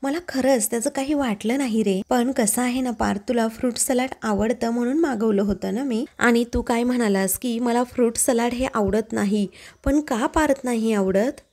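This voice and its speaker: A woman's voice: a little high, moderate pace, mellow. A woman voicing a sulky, playful young wife who speaks in a reproachful, coy way.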